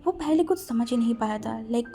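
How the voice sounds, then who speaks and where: A woman narrating a romance fan story with dramatic, breathless delivery. Her voice is mellow and warm, and sits a little high for a woman. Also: expressive, brisk, faint music behind.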